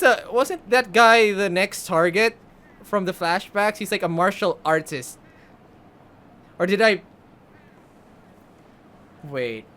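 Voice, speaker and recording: A young adult game streamer gives casual live commentary from an indoor setup, rambling, chatty and often repeating himself, with game music in the background. Speaking into a close desk mic with a headset on, he has a high-pitched, bit-bright voice with a little hiss or hum.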